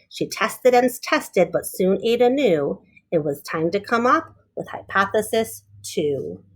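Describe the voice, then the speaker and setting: A woman reading a children's picture book aloud expressively, like a teacher who pauses to explain things and put questions to young listeners. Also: medium pitch, husky.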